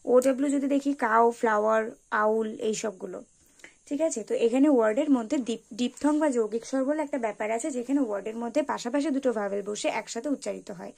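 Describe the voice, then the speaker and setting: A woman's voice: on the high side, a little fast, gravelly, darkish tone. A woman teaching an English lesson for beginners, carefully spelling out example words one by one. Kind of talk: explanatory tutorial lesson.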